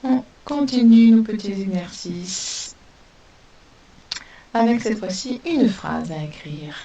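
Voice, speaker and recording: A woman teaching a spelling lesson to young pupils, dictating words slowly and sounding out each letter. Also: medium pitch, animated, dark tone. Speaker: primary school teacher. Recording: distant mic with faint hiss.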